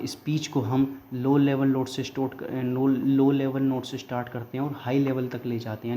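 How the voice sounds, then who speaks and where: Young guy doing exam revision, flat mellow voice, bit of hiss. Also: medium pitch. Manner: mixes Hindi and English, reads notes haltingly. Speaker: exam-prep tutor. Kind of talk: casual revision lecture.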